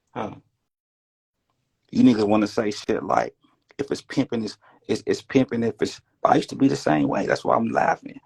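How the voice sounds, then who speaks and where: A man's voice: medium pitch, very animated, unhurried, gravelly, long pauses, darkish tone, breathy edge, no echo, clean studio sound. A man giving a rambling, preachy casual monologue, now and then dropping to a whisper.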